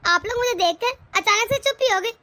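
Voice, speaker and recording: A woman's voice: extremely high pitch, a little fast, pushed and bright. A woman playing a scheming bossy sister-in-law. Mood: sly. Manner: taunting, sly, self-pitying. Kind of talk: cartoon voice acting.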